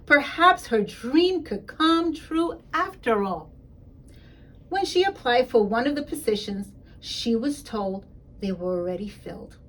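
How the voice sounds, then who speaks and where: In a low-quality recording, a woman with a slightly high voice reads a children's story aloud expressively and emphatically. Like a school principal, she speaks directly to her young listeners.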